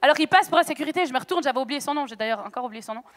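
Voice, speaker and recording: A woman preacher telling a lively testimony sermon, chatty and animated, acting out dialogue with bursts of laughter, on a stage microphone in a church hall. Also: high-pitched, racing. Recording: long echo of a church hall.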